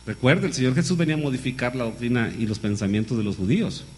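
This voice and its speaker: A man's voice: medium pitch, fast talker, slight background noise. A man preaching a sermon, calling his listeners brother and asking them rhetorical questions. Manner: lively, calls listeners "hermano", many rhetorical questions.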